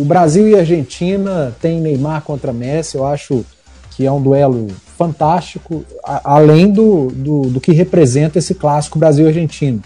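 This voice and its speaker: Very mellow, soft-toned Brazilian man. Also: on the high side, husky. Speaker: football commentator on a podcast. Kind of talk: casual sports discussion.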